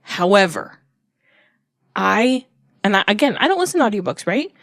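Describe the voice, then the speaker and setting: On a casual book podcast, a woman host chats about books in a rambling way, restarting and correcting herself as she goes. Her mid-range voice swings widely in pitch at a normal speed. The recording is dry, with a clean studio sound.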